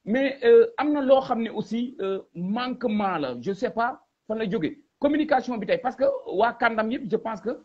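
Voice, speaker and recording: A man's voice: high-pitched, husky. A man interviewing over a phone line that breaks up with poor reception, hesitant and searching for words.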